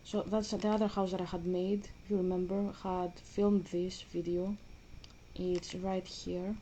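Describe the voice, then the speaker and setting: A woman's voice: on the low side, little pitch movement, a little slow, dark tone, slight background noise. A woman with a Greek accent chatting casually as she plays a game, rambling and restarting her sentences. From Greece. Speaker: vlogger. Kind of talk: casual gaming commentary.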